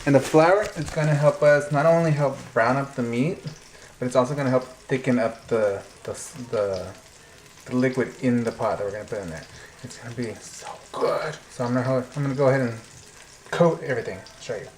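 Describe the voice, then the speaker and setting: A man's voice: mid-range voice, a little fast, darkish tone, poor audio. A man giving a casual, chatty cooking tutorial, talking viewers through each step informally. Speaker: home cook presenting a recipe. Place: indoor kitchen at the stove. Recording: clear sizzling kitchen noise. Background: frying, sizzling and stirring.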